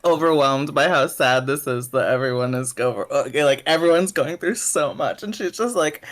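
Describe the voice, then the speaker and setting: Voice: mid-range voice, normal speed. Rambling amused player in a mid-range voice. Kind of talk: describing another character in a tabletop game.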